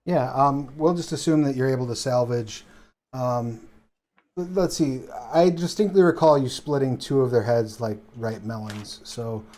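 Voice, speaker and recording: A man narrating as game master of a tabletop game, relaxed and hesitant, with many fillers. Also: mid-range voice, normal speed.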